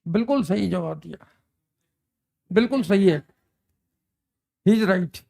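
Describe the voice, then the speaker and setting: An older chemistry teacher talks his class through problems. His voice sits high and has a gravelly edge. He chats, fires questions at the students and drifts into old stories. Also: lively intonation, slow, dark tone. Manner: chatty, quizzes students and reminisces. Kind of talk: classroom lecture.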